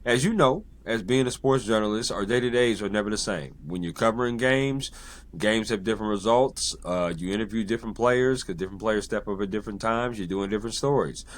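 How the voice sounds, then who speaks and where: Deep-voiced relaxed male podcast host. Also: brisk. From San Diego, United States. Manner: relaxed, many fillers and repeated affirmations. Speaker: podcast host and sports journalist. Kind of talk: casual interview chat.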